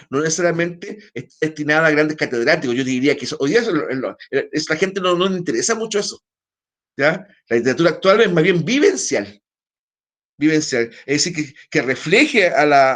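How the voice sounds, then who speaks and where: A man's voice: a little high, a bit bright. A man with a Chilean accent teaching an online class, explaining at length, often checking in with tag questions. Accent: Chilean Spanish. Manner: hesitant restarts, talks on in a loose flow.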